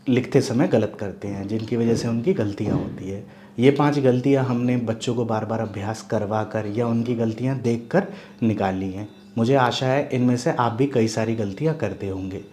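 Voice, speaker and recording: A man gives a lesson in a patient, steady teacherly way, stopping now and then to check that his listeners follow. His voice sits at an ordinary middle pitch. A faint hum runs under the recording. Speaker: Hindi teacher. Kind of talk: explanatory lesson to camera.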